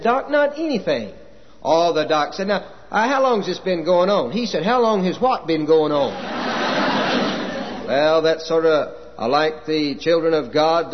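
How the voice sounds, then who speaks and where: A folksy preacher man delivers a sermon in a fairly high voice, halting over his words. The recording is dull and lo-fi, with a long hall reverb trailing every phrase. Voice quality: folksy, halting with many uh fillers. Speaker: chaplain preacher.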